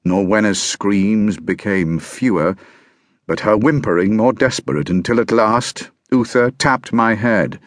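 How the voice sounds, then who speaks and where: A man narrating a historical novel audiobook in a measured, grave first-person storytelling manner. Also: fairly low pitch, no echo, clean studio sound.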